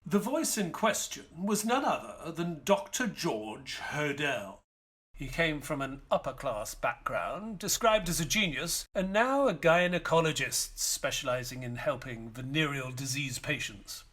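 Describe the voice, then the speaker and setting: An actor playing a polite, attentive doctor who is a detective's sidekick and tells the story in an audio play. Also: male voice, fairly high pitch, lively intonation, a little slow, fairly bright tone. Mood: suspenseful narration. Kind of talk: audio play acting and narration.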